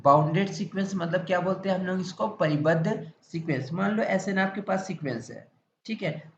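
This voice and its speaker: A man with an Indian accent lectures a maths class, his voice sitting fairly high. He repeats points and fires questions at the students, then answers them himself. The sound is roomy and echoey, a little muffled, with faint background noise. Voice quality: repetitive, drawn-out explanatory delivery. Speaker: maths teacher.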